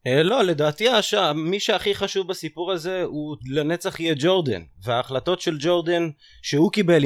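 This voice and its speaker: A man co-hosting a sports podcast, talking in a reflective, halting way with many fillers. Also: a little high. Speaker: podcast co-host. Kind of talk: casual sports talk.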